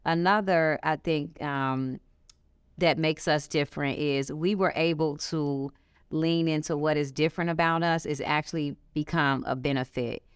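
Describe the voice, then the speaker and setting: A woman's voice: deep voice, a little slow, smooth, dry recording, studio quality. A middle-aged woman with a Chicago accent, a small business co-founder, talking frankly and animatedly in an interview. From Chicago area, United States. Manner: frank, animated storytelling with emphatic asides. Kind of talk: candid conversational interview.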